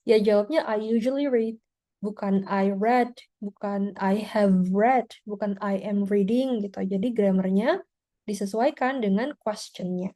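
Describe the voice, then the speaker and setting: An IELTS teacher runs an online exam-prep class over a video call, her medium-pitched voice unhurried and dark in tone. She explains in a chatty way, using frequent tag words.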